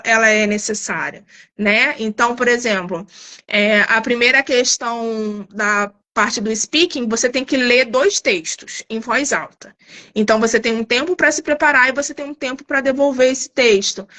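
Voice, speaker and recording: A woman's voice: on the high side, moderate pace, bright, forceful tone. A woman guest on a live stream, explaining an exam in a chatty way, often tagging her sentences with little questions. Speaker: guest, TOEIC course creator.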